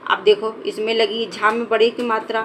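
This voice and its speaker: A woman teaching a children's reading lesson, stretching out syllables slowly and clearly as she sounds out each word. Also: fairly high pitch, level tone, noisy background. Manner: drawn-out syllables, slow and clear.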